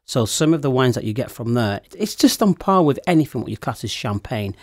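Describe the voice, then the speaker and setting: A man's voice: medium pitch, sing-song, brisk, dry recording, clean studio sound. A man explaining wine with enthusiasm in a casual panel chat. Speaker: wine expert guest.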